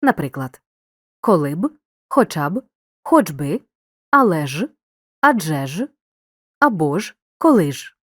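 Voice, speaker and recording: A woman narrating a scripted grammar lesson as a teacher, giving clear instructions and speaking straight to the learner. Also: deep voice, very animated, measured pace, long pauses, no echo, studio quality. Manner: clear didactic instruction, addresses the learner directly.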